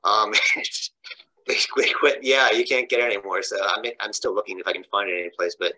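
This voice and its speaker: Man, low voice, very bright, casual rambling artist talk. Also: brisk, poor audio. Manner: loose, rambling, trailing off.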